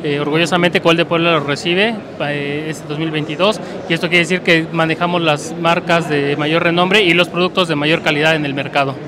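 Staffer, proud and businesslike, slightly high voice, crowd around. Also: male voice, steady tone, a little fast, hardly any pauses. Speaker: company staff at an expo stand. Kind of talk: casual interview. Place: indoor expo stand. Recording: crowded expo hall.

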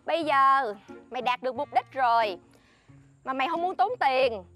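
A woman acting as a bossy know-it-all friend who scolds and lectures with big exclamations, her voice high and swinging widely up and down. She preaches how to be alluring in a comedy sketch, with light music underneath. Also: expressive, normal speed, fairly bright tone. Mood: accusing.

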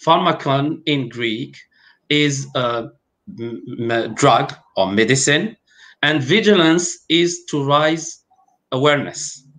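On a video call from his home room, a guest pharmacovigilance specialist from Algeria, with Arabic and French as first languages, gives an online interview. He is halting, with many fillers and restarts, yet animated, and his medium-pitched voice is a bit bright. The audio quality is poor.

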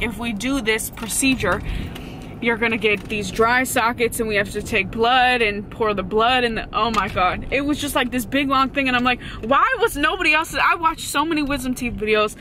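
A woman's voice: on the high side, moderate pace, background noise. A woman in her twenties chatting casually to camera in a blunt, slangy, swear-laden way. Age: 20s. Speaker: vlogger. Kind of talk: casual vlog chat. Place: parked car and a room at home.

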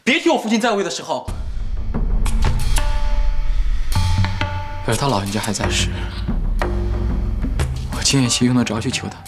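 A man's voice: mid-range voice, huge pitch swings, fast talker. A male actor playing a young man from a fallen wealthy family, speaking in a subdued, weary way in a period TV drama. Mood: irritated. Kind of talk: TV drama dialogue. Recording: drama soundtrack with background music.

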